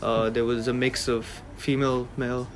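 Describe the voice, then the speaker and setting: Young male interviewee, halting and full of fillers, faint background noise. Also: mid-range voice, level tone. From Pakistan. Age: young adult. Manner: hesitant, many fillers and restarts. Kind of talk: casual interview conversation.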